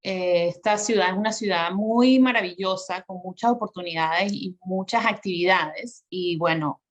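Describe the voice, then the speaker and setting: Speaking at a moderate pace in a lowish voice, a woman from Venezuela shares her life story on a podcast as a guest. She has a Venezuelan Spanish accent, chats freely, laughs a lot, and uses plenty of fillers.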